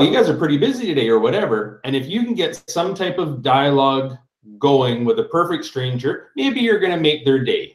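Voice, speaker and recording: A man's voice: mid-range voice, roomy sound, low-quality recording. Chatty man telling a rambling story. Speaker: real estate agent. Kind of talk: casual anecdote on a group call.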